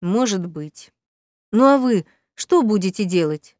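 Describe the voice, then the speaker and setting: A woman voicing a tired, earnest male alien starship captain in an audiobook, explaining things in a measured, slightly weary way. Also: mid-range voice, expressive, darkish tone, no room sound, clean studio sound, close to an everyday voice. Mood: candid. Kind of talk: audiobook character reading.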